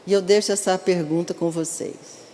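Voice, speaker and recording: A woman's voice: on the low side, fairly even intonation, moderate pace, warm tone, a little hiss or hum. A middle-aged woman, a bishop preaching a sermon in an earnest, exhorting way that often asks the congregation questions. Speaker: bishop and pastor. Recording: long reverb of a large hall.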